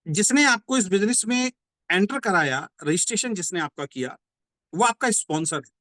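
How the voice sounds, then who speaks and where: A man giving a motivational business training talk. He explains by repeating points and asking rhetorical questions, and says key slogans slowly. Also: high-pitched, lively intonation, bright, forceful tone, dry recording. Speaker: network marketing trainer.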